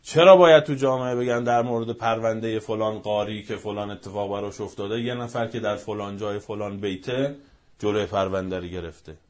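A man giving an impassioned religious-political speech, rhetorical and fervent, swinging between raised outbursts and quiet, low asides. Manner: fervent, rhetorical, swings from shouting to near-hushed.

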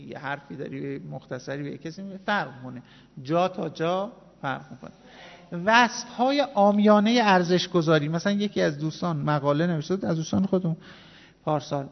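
A male teacher lecturing a class in an animated, emphatic way, repeating his points for the students. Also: fairly high pitch, creaky. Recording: dull, reverberant classroom recording.

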